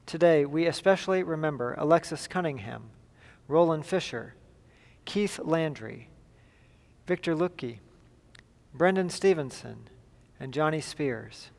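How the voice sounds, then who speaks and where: A man leading liturgical prayer as a pastor, in a solemn, measured and formal way, with a long cathedral-like echo. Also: on the high side, expressive, gravelly, darkish tone. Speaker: pastor leading a church service. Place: large reverberant church.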